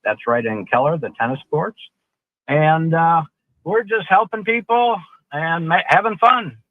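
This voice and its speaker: A man's voice: on the high side, unhurried. A man calling in while driving to his store, his voice coming through a phone line with a hollow, cave-like echo, talking casually and upbeat about his shop. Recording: tinny phone line from a moving car.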